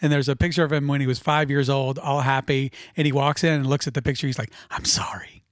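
A man's voice: mid-range voice, level tone, fast talker, dry recording, clean studio sound. A man co-hosting a podcast, telling laid-back stories about music with lots of "like.". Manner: anecdotal, laid-back, says "like" often. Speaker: podcast co-host, bass player. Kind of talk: casual chat about their record.

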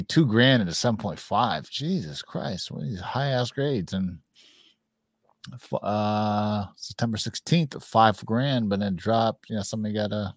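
In a studio-quality recording with no echo, a medium-pitched man co-hosts a casual chat on a comic sales show. He jokes and swears, often trailing off into filler words.

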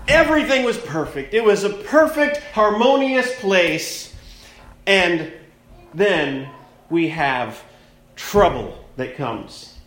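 A man preaching at a pulpit microphone, his fairly high voice unhurried and conversational as he leans on key words. The sound bounces around an echoey church sanctuary. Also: expressive, a bit bright. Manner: plainspoken, conversational preaching with slow emphatic stresses. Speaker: pastor. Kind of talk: sermon.

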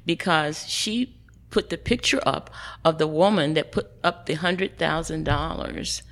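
A woman with a very low-pitched voice trades gossip as co-host. She tells stories in a loose, chatty way. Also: unhurried, fairly bright tone. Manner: gossipy, storytelling. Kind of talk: casual chat.

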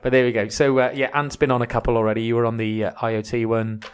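A man's voice: medium pitch, little pitch movement, fast, clean tone. A man with a Welsh accent hosting a podcast in a chatty, joking way, often restarting his sentences. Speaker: podcast host. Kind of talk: casual podcast chat.

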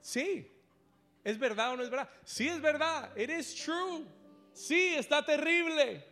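A pastor preaching with fervor, dropping to hushed asides and rising to shouted emphasis, repeating his own lines in English. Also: very high-pitched, lively intonation, unhurried, faint music behind. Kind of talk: preaching a sermon.

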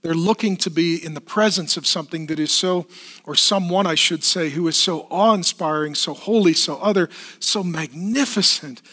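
High-voiced man preaching a sermon. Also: moderate pace. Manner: lively preaching with asides to the congregation. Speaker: pastor. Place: church.

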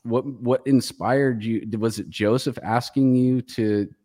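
A man's voice: medium pitch, steady tone, slow pace, dark tone. A man co-hosting a casual podcast from an empty house, his voice echoing like a cave as he talks loosely and swears a lot. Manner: loose, swearing, says "dude" often. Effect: cave-like room echo on the voice. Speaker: podcast co-host. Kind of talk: casual podcast chat over a call.

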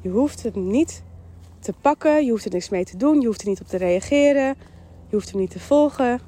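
A woman with a Dutch accent hosting a podcast, giving a calm, emphatic mindfulness talk that repeats phrases and voices the thoughts in her head. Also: fairly high pitch, moderate pace, a little hiss or hum. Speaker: podcast host. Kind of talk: mindfulness monologue.

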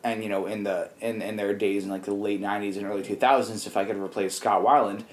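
A man's voice: fairly low pitch, steady tone, fast talker, a little hiss or hum. Rambling, swearing young man. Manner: rambling, swears freely, lots of fillers. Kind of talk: casual chat.

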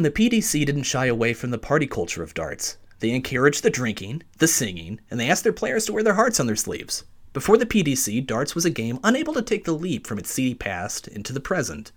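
A man hosting a podcast from inside a basement closet, narrating a scripted sports story in an animated storytelling way. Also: mid-range voice. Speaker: podcast host.

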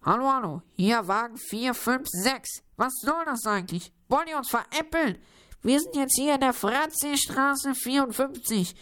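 A police officer barks clipped calls over the radio, more irritated each time, as a woman plays the part. The voice is clear and smooth, a little higher than usual, in a children's audio story. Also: animated, measured pace, fairly bright tone. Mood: official.

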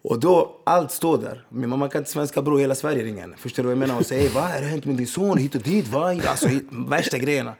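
A man's voice: medium pitch, gravelly, few pauses, darkish tone. A man, a former footballer telling streetwise stories in a casual interview, often checking that the listener follows. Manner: streetwise, repeats "förstår du vad jag menar". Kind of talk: casual storytelling.

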